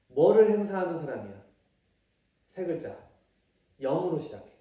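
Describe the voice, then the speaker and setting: A male pastor giving a family sermon, coaxing children with questions and sometimes acting out a shouting father. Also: fairly high pitch. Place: church hall. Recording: very echoey hall from far off.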